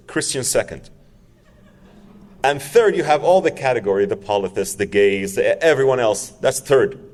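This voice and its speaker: Recounting his own story to a crowd, a Saudi man in his 40s speaks earnestly and emphatically, repeating words to drive points home. He's a public speaker whose mid-range, slightly mellow voice trails a long reverb.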